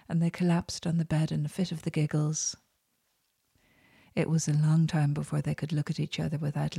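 A woman narrating an audiobook in a soft, unhurried, intimate way. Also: low-pitched, slightly rough, no room sound, clean studio sound.

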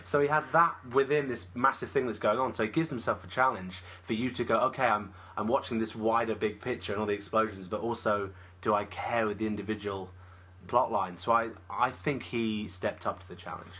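A man co-hosting a film review podcast, with a low, husky voice that still has a bright, forceful edge. He talks eagerly, piling up thoughts and affirming his co-host as he goes. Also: steady tone, brisk. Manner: eager, affirming, thinks aloud. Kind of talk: casual chat.

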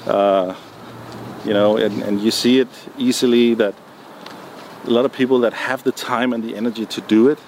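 A man answering interview questions in a relaxed, hesitant way, with many ums and restarts. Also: medium pitch, moderate pace. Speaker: music producer guest. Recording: noisy background.

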